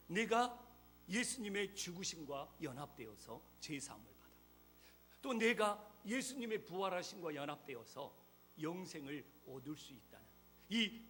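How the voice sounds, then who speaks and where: A man's voice: high voice, fairly bright tone. A man, a pastor, preaching a sermon in a church, pressing his points with emphatic rhetorical questions. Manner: jokes lightly with the congregation. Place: church sanctuary.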